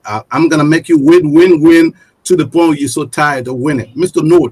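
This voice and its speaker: A middle-aged man hosting a panel interview, halting and repeating words. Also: mid-range voice, slightly rough. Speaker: host.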